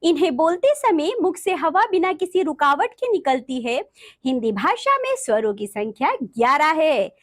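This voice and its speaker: High, lively woman teaching children. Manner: slow, deliberate spelling-out of letters; addresses children directly. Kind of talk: Hindi grammar lesson for children.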